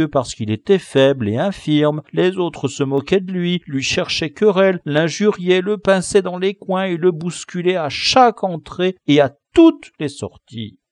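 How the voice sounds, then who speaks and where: A man reading a classic novel aloud with expressive narration. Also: a little high, no echo. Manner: expressive, dramatic. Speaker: audiobook reader.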